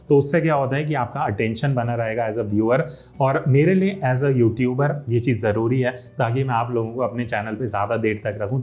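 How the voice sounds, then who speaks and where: A man's voice: medium pitch, a little mellow. Man coaching casually on camera. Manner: conversational, stresses key words, mixes English into Hindi. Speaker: YouTube creator teaching video skills. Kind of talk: casual instructional talk to camera. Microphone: studio microphone.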